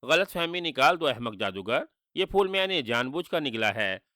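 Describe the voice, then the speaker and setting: A man voicing a cunning, sharp-tongued male trickster hero who answers with sarcastic insults, in a storybook reading. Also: mid-range voice, very animated, moderate pace, no echo, studio quality. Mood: defiant, growling.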